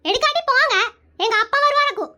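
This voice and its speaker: A performer voicing a bold, sharp-tongued village wife in an animated comedy cartoon, answering back with quick defiant comebacks. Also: very high voice, heavily acted.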